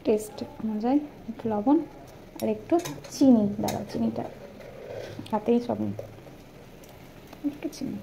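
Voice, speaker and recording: A woman's voice: on the high side, unhurried, gravelly, pauses often, mellow, a little hiss or hum, rough recording. A woman in her thirties chatting through a casual home vlog, rambling and correcting herself as she goes. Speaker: vlogger. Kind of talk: casual daily vlog narration. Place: home kitchen and rooftop.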